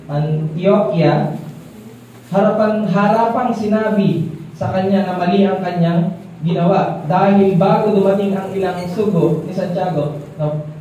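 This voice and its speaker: Man, church teacher, chatty sermon, high and mellow voice, distant mic, roomy reverb with faint ambience. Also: a little slow, dull audio, slight background noise. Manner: keeps asking listeners for agreement, relaxed and chatty. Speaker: church leader teaching a congregation. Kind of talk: conversational sermon. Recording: echoey, distant mic in a hall.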